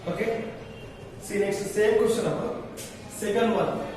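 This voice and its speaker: A man's voice: sits high, fairly even intonation, measured pace, crowd noise. A man with an Indian accent teaching maths, dictating step by step with repetition and short prompting questions. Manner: repetitive step-by-step dictating, stretching key phrases; prompts listeners with questions ending in "sir". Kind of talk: classroom maths lesson. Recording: very echoey room, distant mic, faint noise.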